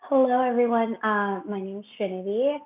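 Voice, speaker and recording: A woman's voice: fairly high pitch, moderate pace. A young woman, a graduate student, gives a chatty, upbeat self-introduction on a video call. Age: young adult. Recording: tinny phone-like video call.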